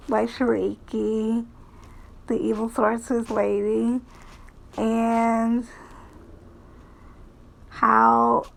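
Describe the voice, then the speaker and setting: A VTuber streamer, a woman with a fairly high, fairly bright voice and some vocal fry, gives casual, rambling commentary. She speaks haltingly and hesitantly, her phrases trailing off, and the audio quality is poor.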